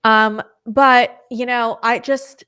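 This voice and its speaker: A young woman hosting a live stream, chatting casually and rambling through viewer comments with quick apologetic asides. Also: on the high side, fairly even intonation, bright, forceful tone, clear, resonant tone. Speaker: host of a political live stream.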